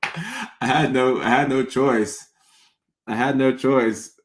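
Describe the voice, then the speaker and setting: A content creator hosting a live question session answers comments casually and off the cuff in a slow, mid-range voice. He often repeats phrases for emphasis and has trouble pronouncing his R sounds, and the roomy, echoing recording carries a little hiss or hum.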